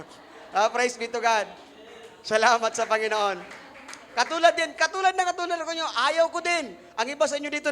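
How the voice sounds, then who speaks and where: High, bright-voiced man preaching. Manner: addresses congregation directly, mixing in English phrases; swings between quiet asides and loud emphatic lines. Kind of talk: Sunday sermon testimony.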